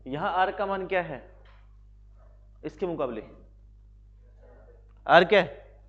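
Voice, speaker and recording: Speaking slowly in a high, somewhat bright voice, this man teaches physics to a classroom with a Haryanvi Hindi accent. His habit is to ask a question and supply the answer on his own. Audio is lo-fi and a little dull.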